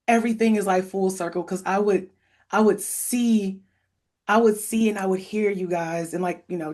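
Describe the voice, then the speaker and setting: Chatty, excited woman podcast host. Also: mid-range voice. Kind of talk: casual interview chat. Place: at home.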